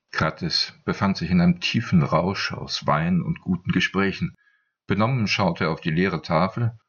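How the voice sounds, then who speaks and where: A man narrating an audiobook in a steady storytelling manner. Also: low-pitched, breathy edge, dull audio. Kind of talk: scripted narration.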